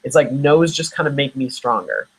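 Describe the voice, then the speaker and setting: A man's voice: mid-range voice, expressive, moderate pace, slight background noise, poor audio. A young man from Nova Scotia, an actor guest in a casual interview, talking in a rambling way with many fillers and restarts. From Nova Scotia, Canada.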